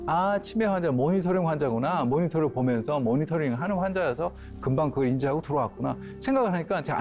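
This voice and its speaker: A man's voice: on the high side, highs cut off. A man, a pastor and grief counselor, telling a personal story in a lecture and acting out the voices of the people in it. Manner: animated, acts out dialogue in his story.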